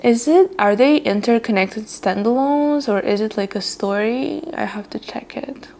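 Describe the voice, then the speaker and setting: A woman's voice: on the high side, normal speed, a little mellow, a little hiss or hum. A young woman chatting casually on camera as she reads a romance novel, retelling the characters' lines in a chatty way and laughing often. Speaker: book vlogger. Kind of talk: casual read-along commentary.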